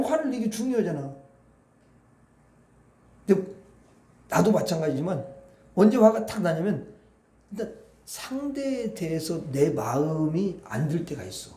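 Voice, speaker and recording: A man's voice: sits high, sing-song, moderate pace, pauses often, mellow, roomy sound. A man preaching a Friday night prayer sermon, asking the congregation questions as he goes. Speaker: pastor. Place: church hall.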